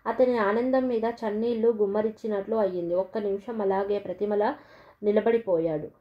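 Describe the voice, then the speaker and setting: A woman narrating a novel in an even storytelling manner. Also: mid-range voice, brisk. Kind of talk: audiobook novel reading. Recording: dull lo-fi recording.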